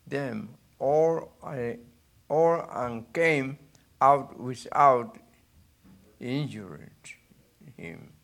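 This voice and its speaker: A man preaching a sermon in halting, non-native English with many restarts, swinging between loud bursts and low asides. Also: gravelly.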